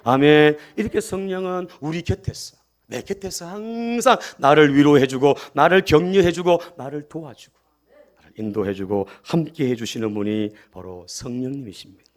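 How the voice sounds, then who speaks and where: Male pastor, fairly high voice, emphatic sermon delivery with loud peaks and soft asides. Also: moderate pace. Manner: emphatic preaching, swinging between loud outbursts and quiet asides; calls for amen and hallelujah responses.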